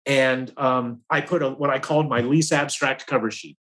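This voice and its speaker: A middle-aged man, a career advisor, telling a long work story as a podcast guest with lively swings in his delivery. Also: medium pitch, normal speed, rough recording. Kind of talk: storytelling in interview.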